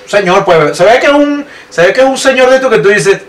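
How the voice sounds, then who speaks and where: A man's voice: sits high, expressive, fast. A young man with a Venezuelan accent, co-hosting a podcast with teasing, playful remarks. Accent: Venezuelan Spanish. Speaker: podcast co-host. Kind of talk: casual chat. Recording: distant mic with faint noise.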